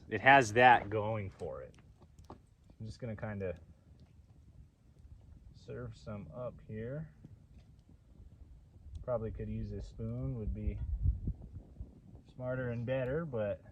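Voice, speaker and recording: A young man casually narrating a camping vlog outdoors, rambling and relaxed as he eats. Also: on the low side, a little hiss or hum. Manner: relaxed, rambling, talks while eating. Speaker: camping vlogger. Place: outdoors at a mountain campsite.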